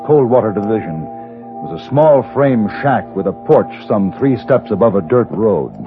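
An actor narrating and playing a cool, terse male gunman in an old radio western, measured and clipped. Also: on the low side, animated. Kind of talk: 1950s radio drama narration and dialogue. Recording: muffled old radio with music.

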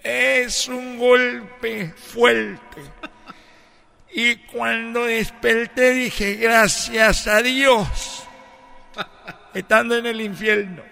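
A very high, gravelly ghost of an old father, dragging every word out slowly. His voice rings with a long reverb echo as if from a vast hall. Soft music plays underneath. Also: fairly even intonation, full character voice. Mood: spooky, slow. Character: dead old father ghost speaking from hell.

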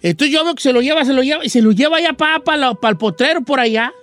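A man's voice: very high-pitched, quick pace, fairly bright tone. A man from Michoacán with a Mexican accent, telling a comic story in a campy, theatrical way and calling his listeners dear. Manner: theatrical, campy, calls listeners "hija" and "chiquita". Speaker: storyteller on a comedy show.

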